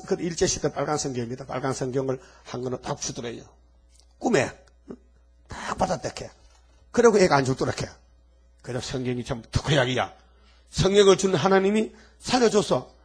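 An older man preaching a sermon in an animated, folksy way, full of rhetorical questions and asides. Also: fairly high pitch, breathy edge. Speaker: pastor.

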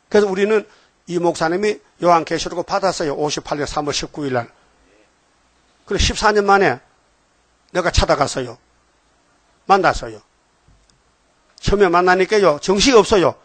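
A man's voice: high-pitched, moderate pace, pauses often, a bit bright, no room sound. Emphatic older male preacher. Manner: emphatic, keeps prompting the congregation. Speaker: pastor. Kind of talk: sermon.

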